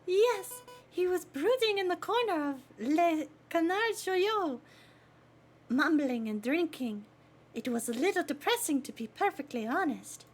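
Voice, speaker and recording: A woman's voice: very high-pitched, animated, unhurried, faint music behind. A woman voicing a polite, chatty young lady bird in a video game, genteel and candid. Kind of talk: video game character voice read aloud.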